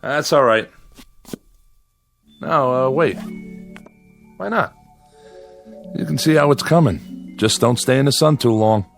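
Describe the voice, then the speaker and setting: An actor plays a lonely man devoted to his android companion, by turns yearning and defensive, in dramatic radio style with confessional narration. His medium-pitched voice is slow with vocal fry and frequent pauses, tender and eager, with faint music behind.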